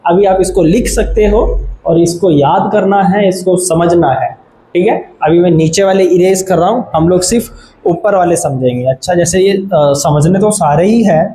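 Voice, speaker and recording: A man's voice: sits high, mellow. A man teaching shorthand at a board, explaining step by step and checking in often to make sure his students follow. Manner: patient, repeats "ठीक है" to check understanding. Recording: echoey room, faint background noise.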